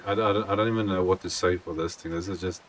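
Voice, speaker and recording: Low-voiced man streaming a game. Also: fairly even intonation, slight background noise. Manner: rambling, thinks aloud, halting restarts. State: out of breath. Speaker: gaming live streamer. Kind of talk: casual live-stream commentary.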